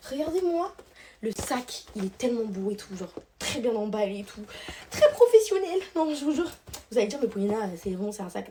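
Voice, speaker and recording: A young woman from Réunion, chatty and excitable, talking casually to her viewers in a vlog. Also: fairly high pitch, a little hiss or hum. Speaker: vlogger. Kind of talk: casual vlog chat to camera.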